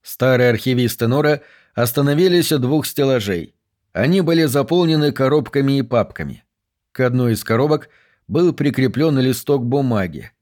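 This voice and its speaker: Man, audiobook narrator, scripted narration, measured even delivery, mid-pitched voice.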